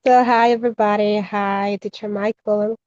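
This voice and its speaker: A woman's voice: medium pitch, flat delivery, moderate pace, a little mellow, no room sound, highs cut off. A young Haitian woman, raised in the Dominican Republic, earnestly giving her answer in a live debate over a video call. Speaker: student participant.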